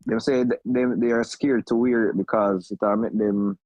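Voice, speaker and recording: A man's voice: on the low side, fairly even intonation, moderate pace, darkish tone, no room sound, poor audio. A man with a Jamaican accent chatting casually. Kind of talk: casual chat.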